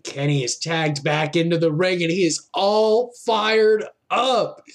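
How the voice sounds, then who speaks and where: A man calling wrestling play-by-play as an excitable commentator, exclaiming at big moves with informal, fan-like reactions. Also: high voice, slow.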